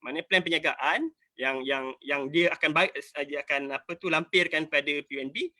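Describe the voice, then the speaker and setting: A man's voice: fairly high pitch, moderate pace, pushed and bright. Emphatic Malaysian entrepreneur in his forties. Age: 40s. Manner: emphatic, rambling, repeating himself. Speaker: entrepreneur asking questions. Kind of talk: earnest appeal in an online business talk. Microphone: video call.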